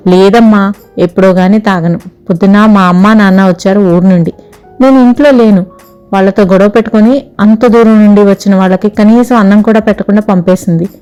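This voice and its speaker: A woman's voice: mid-range voice, steady tone, a little fast, warm tone, clear, resonant tone, lo-fi sound, faint music behind, lightly acted. A woman voicing a regretful young man who keeps a tea stall, talking in a plain, aggrieved way.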